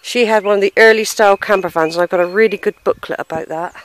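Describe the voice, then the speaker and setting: A middle-aged family history vlogger walks through a country churchyard behind a handheld camera, unseen as she thinks aloud in a fast, mid-range voice. Hesitant and musing, she sighs and reads gravestones, with slight background noise.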